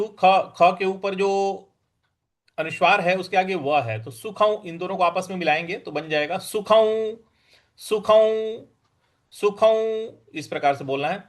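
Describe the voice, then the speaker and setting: A man leads a recitation lesson in a fairly high voice, chanting each verse in slow, stretched-out lines. Between the verses he explains pronunciation briskly, like a patient classroom teacher.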